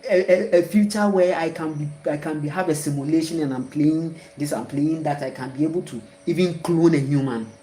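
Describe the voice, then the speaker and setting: A woman's voice: low voice, fairly quick, hardly any pauses, warm tone, echoey room, a little hiss or hum, low-quality recording. A woman with a Ghanaian accent giving a rambling spiritual monologue, repeating herself and dropping in emphatic exclamations. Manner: repetitive, emphatic, full of exclamations. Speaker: spiritual speaker.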